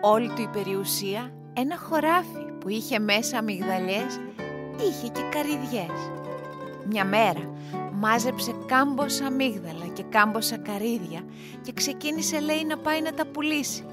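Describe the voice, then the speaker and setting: A woman storyteller narrating a fairy tale in an expressive, lilting way. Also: on the high side. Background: guitar music.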